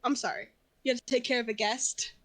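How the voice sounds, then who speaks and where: High-voiced woman telling stories, laughing. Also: steady tone, fast, fairly bright tone, poor audio. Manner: laughs often, chatty storytelling. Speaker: podcast co-host. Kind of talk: casual chat.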